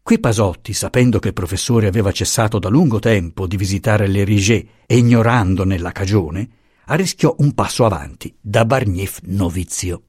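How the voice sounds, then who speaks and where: A man narrating a classic novel as an audiobook, measured and expressive, recorded close on a studio mic. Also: lowish voice, breathy edge, dry recording.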